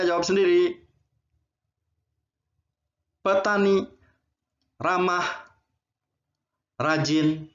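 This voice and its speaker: A man teaches a vocabulary lesson. He reads word pairs aloud and coaches students to pause and memorize. His voice sits a little high for a man, and the recording sounds slightly muffled and dull. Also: a bit bright. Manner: repeats words and explains, adds "ya" to phrases. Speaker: English teacher.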